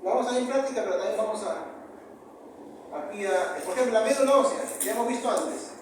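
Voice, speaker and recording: A man with a Peruvian accent giving a university histology lecture, often repeating key terms and asking the class quick questions. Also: high-pitched. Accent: Peruvian Spanish. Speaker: histology professor. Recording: very echoey room, far from mic, noisy.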